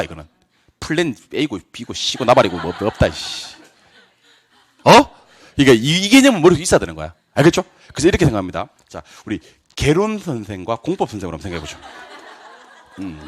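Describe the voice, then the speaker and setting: A middle-aged man giving a classroom lecture, drilling students with quick questions and answers and joking asides. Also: mid-range voice. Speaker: real estate exam lecturer.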